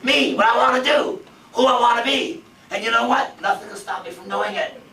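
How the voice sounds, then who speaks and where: A man's voice: very high voice, fairly quick, bright, forceful tone. Man, 50s, motivational seminar speaker; emphatic, repetitive, rhetorical; echoey room, mic at a distance. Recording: roomy, from far off, faint background noise.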